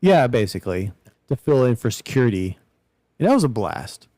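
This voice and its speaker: A man's voice: medium pitch, sing-song, normal speed, dark tone, no room sound. A man chatting casually with a dry, teasing sense of humor. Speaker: US Air Force veteran. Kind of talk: casual chat.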